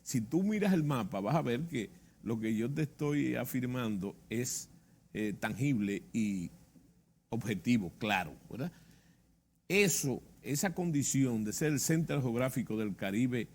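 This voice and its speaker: A man speaks Spanish with a Dominican Caribbean accent and a somewhat husky voice. He explains conversationally as an interview guest, often doubling back on phrases to stress them and checking that his listener follows. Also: mid-range voice, expressive, a little slow, a little mellow.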